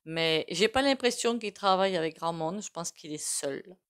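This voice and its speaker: Chatty French tarot-reading woman, low voice. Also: animated, normal speed. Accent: regional French. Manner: chatty, rambling, with many fillers and self-asides. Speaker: tarot reader. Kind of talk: casual tarot reading to camera.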